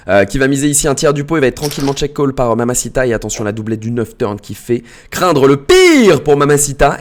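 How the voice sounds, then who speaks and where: A man hosting a poker replay show, commenting hands in a lively, chatty way and addressing viewers directly. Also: a little high.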